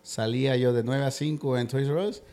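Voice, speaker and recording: A man in his thirties from Ecuador, speaking as a guest on a podcast. He tells his story in an easygoing way, with many hesitations, in a voice of ordinary pitch. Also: normal speed. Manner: relaxed storytelling, frequent hesitations. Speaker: guest, construction business owner. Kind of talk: casual podcast interview.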